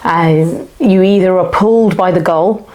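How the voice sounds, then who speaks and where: A woman's voice: on the low side, a little slow, darkish tone. A woman in her forties, a guest on an interview show, telling her personal story in a candid, reflective way. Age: 40s. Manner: reflective, open, speaks in short flowing phrases.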